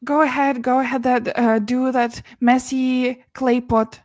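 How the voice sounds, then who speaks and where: Speaking a little slowly in a casual interview, a young Russian-raised woman for whom English is a second language talks earnestly in a somewhat high voice. She's a podcast guest who mentors on business and mindset, and she frequently restarts words and laughs softly between them. The audio is dry and close, with no room ambience.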